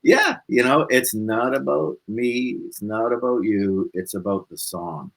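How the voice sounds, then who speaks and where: In an interview, a husky-voiced musician reflects casually at a measured pace, his pitch fairly low. He repeats points to drive them home.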